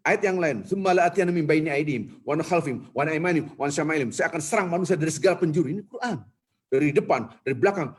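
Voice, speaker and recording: Husky-voiced preacher man, emphatic. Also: on the high side. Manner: emphatic and repetitive, acting out quoted prayers in a hushed pleading voice. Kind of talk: Islamic sermon to a congregation. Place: mosque.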